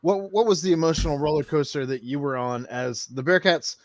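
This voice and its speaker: A man hosting a casual sports podcast, steering the talk from topic to topic in a relaxed, conversational way. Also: fairly high pitch, brisk, dry recording, clean studio sound. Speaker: podcast host.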